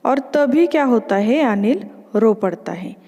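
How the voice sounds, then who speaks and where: A woman's voice: on the high side, expressive, measured pace, warm tone, big-room sound. A woman reading a children's play aloud, patiently explaining each scene. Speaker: storyteller.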